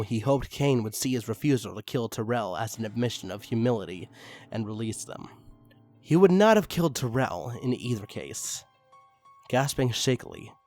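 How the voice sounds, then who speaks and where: A man with a medium-pitched, darkish voice narrates dramatic fiction from a script. Music plays beneath his reading.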